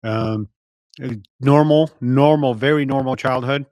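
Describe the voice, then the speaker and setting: Forties guy from Poland, Polish first language, podcast guest, unhurried and reflective, dead-dry mic. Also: medium pitch, darkish tone, no room sound. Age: 40s. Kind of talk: casual interview.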